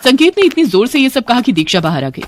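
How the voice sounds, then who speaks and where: Expressive woman narrating a story. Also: a little high, fast, dry recording.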